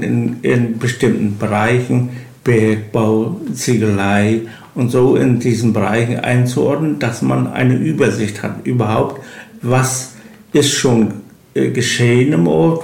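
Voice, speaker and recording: An older retired man from eastern Germany telling of his work in an interview, haltingly, searching for words. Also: medium pitch, gravelly, a little mellow. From village in eastern Germany. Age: 60s or older, retired. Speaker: local village chronicler, interview guest. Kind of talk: unhurried interview storytelling. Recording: roomy, echoing interview recording.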